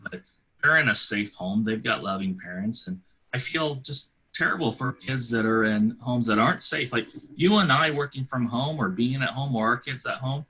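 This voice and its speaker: A man's voice: fairly low pitch, bright, forceful tone, slightly rough, poor audio. A man giving earnest, conversational interview answers as a charity representative, with somewhat hesitant phrasing.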